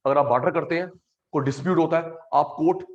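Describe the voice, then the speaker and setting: A man with an Indian accent teaches an online class, animated and teasing, blending English terms into his Hindi. He talks fast in a fairly high voice, and the sound is lo-fi.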